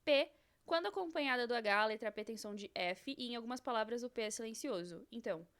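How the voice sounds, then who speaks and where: A woman whose first language is Portuguese, teaching an online English lesson slowly and carefully, in a friendly way. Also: a little high, fairly bright tone.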